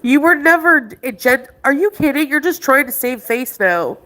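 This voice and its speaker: A woman's voice: high-pitched, expressive, normal speed, fairly bright tone, poor audio. A woman on a livestream ranting in an agitated way, arguing with someone offscreen and talking to her chat. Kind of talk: emotional livestream rant.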